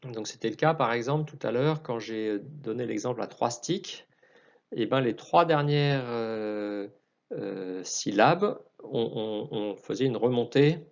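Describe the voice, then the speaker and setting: Slow-speaking man teaching chant. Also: medium pitch, animated, vocal fry, lo-fi sound. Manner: unhurried, hesitant explaining with restarts. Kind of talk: explanatory chant lesson.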